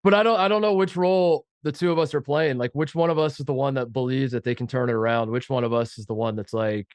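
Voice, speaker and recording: A man co-hosts a casual sports podcast in a medium-pitched voice that's fast, clear and resonant, with no room sound. He's fighting a head cold and sounds nasal, rambling along and joking at his own expense.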